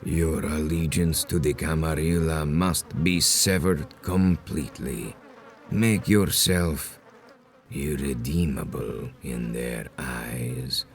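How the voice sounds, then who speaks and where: An extremely deep-voiced ancient vampire leader, slow and solemn. He delivers grandiose video game villain speeches with cold menace, weighing each phrase deliberately. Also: steady tone, full character voice. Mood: commanding menace.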